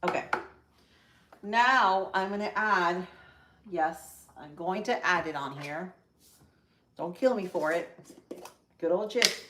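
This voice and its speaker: A woman's voice: lowish voice, takes it slowly, pauses often. Chatty woman with a Spanish accent. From Central Florida, United States. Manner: chatty and upbeat, greets viewers by name, talks through each step. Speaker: host of a live cooking stream. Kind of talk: casual live cooking demo, chatting with viewers. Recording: echoey room with faint background noise.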